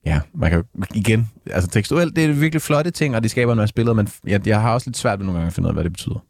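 Low-voiced man, hesitant music talk. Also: animated, darkish tone. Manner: thoughtful, hesitant, many fillers. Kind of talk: casual music review chat.

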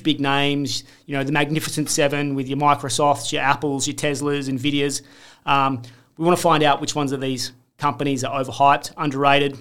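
A man's voice: medium pitch, fairly bright tone. A man, a podcast co-host keenly laying out an event program in casual chat, with frequent restarts. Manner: enthusiastic, talks in long runs with restarts. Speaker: co-host presenting an investor event.

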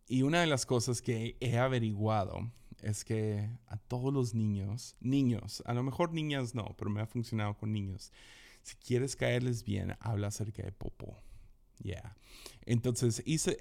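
A man's voice: on the low side, vocal fry. A young adult man, telling stories in a casual talk, acting out quotes and laughing often. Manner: animated storyteller who acts out quotes and laughs often.

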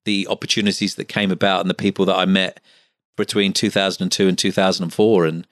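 Clean studio sound with no room tone captures this Essex interview guest, a middle-aged owner of a medical finance business. He talks fast and flatly in a low, slightly bright voice, with a local accent and a chatty, stop-start style.

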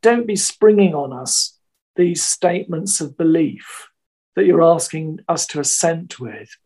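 A man with a notably high, husky voice, chatting reflectively. He tells stories at an easy pace and mulls over his points aloud. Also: lively intonation, unhurried, warm tone. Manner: reflective, anecdotal. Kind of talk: casual chat.

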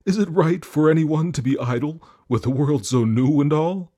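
A man's voice: on the high side, moderate pace, mellow, voice pushed up, lightly acted. A man voicing an earnest, complaining male horse in a storybook, talking in a raised, indignant, tattling way. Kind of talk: storybook character voice.

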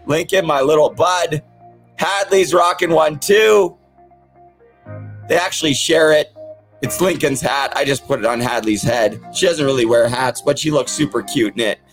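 A man's voice: on the high side, moderate pace, soft background music. A man with the toothless speech of someone missing his teeth, hosting a podcast and talking casually, earnestly and plainly to his viewers. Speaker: podcast host. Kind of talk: casual, sincere talk to viewers.

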